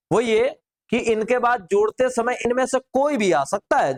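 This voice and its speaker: High-voiced man teaching a grammar class. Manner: drills students with rhetorical questions.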